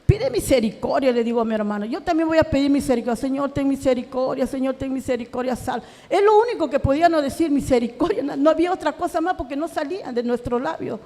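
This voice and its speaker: A woman's voice: sits high, lively intonation, fast talker, few pauses, warm tone, big-room sound. A middle-aged woman from Peru giving an earnest, emotional personal testimony in a church, acting out remembered conversations as her voice rises in anguish. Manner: earnest, acts out remembered dialogue, voice rising in anguish. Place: church hall.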